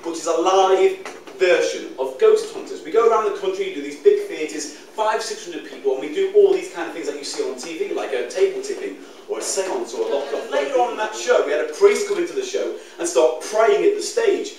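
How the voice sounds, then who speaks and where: A British man, a co-host and comedian, telling wry, deadpan anecdotes on a comedy club stage. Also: high voice, brisk. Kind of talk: stand-up storytelling. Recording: echoey stage mic from far off.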